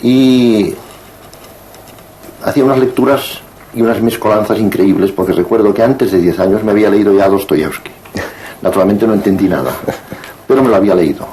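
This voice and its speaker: A man in his sixties from Barcelona talks slowly through his memories as an interview guest, pausing and restarting as he searches for words. His voice sits low and mellow. A faint hiss of noise sits behind him. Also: low-quality recording. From Barcelona, Spain. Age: 60s. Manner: measured and digressive, with frequent hesitations. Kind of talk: reflective interview conversation.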